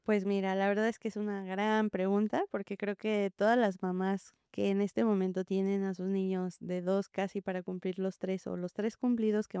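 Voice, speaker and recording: A woman, a preschool teacher, explaining gently in an interview and acting out what children and teachers say. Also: mid-range voice, vocal fry, smooth, dry recording, studio quality. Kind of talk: interview answer, calm explaining.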